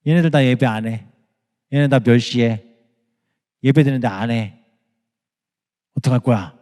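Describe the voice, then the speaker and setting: A man's voice: medium pitch, measured pace, darkish tone, long reverb tail, close to an everyday voice. A man voicing God as a stern, blunt male figure who scolds plainly, in a sermon retelling.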